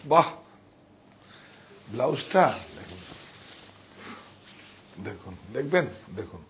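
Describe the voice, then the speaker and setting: A man showing sarees in a live sales pitch, talking excitedly, repeating himself and directing helpers. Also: slow pace, a little hiss or hum. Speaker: saree shop seller.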